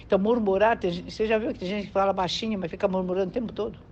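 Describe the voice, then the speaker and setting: A woman's voice: medium pitch, fairly even intonation, very fast, darkish tone. A Brazilian woman gives a sermon in a chatty, conversational way and keeps checking for her listeners' agreement. Her voice sits in a middle range. The recording is dull and lo-fi, with faint noise behind her. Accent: Brazilian Portuguese. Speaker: preacher. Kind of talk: sermon teaching.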